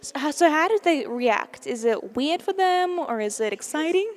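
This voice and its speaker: A woman interviewing guests, asking gentle, encouraging questions. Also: high voice, expressive, moderate pace.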